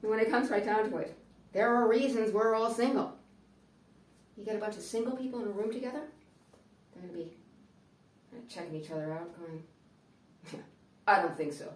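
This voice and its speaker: A woman's voice: medium pitch, brisk, pauses often, a little mellow. American woman comic, dry sardonic stand-up monologue, recorded in an echoey room from a distant mic. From United States. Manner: dry, sardonic delivery with playful asides. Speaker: comedian.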